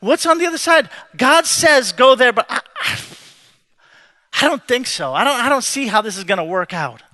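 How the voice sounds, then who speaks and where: Preacher doing a jittery whiny guy begging not to go home, voice jumps way up high and gets loud and bright. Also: lively intonation, moderate pace, full character voice. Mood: nervous. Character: nervous reluctant biblical man, pleading.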